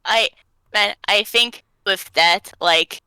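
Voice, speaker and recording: A woman's voice: medium pitch, slow, bright, forceful tone, clear, resonant tone, dry recording. A woman playing a tabletop game, casually talking through what her character does. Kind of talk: casual chat, describing her character's actions.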